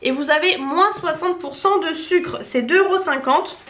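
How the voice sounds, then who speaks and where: A young family vlogger with a Marseille accent chats casually to camera while unboxing, rambling and correcting herself. Her voice is very high-pitched and her speed normal, in an echoey room with faint noise.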